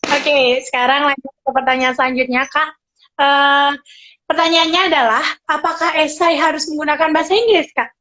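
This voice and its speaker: Young woman moderator, very high voice, chatty, on a video call. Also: fairly even intonation, normal speed, pushed and bright, rough recording. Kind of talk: live-stream moderation.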